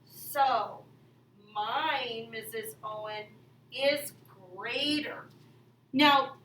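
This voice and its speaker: A woman's voice: a little high, very slow, sharp tone. A woman teacher talking to children like a kids show host, explaining step by step with exaggerated exclamations. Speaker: elementary math teacher demonstrating a game. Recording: echoey room, distant mic, faint noise.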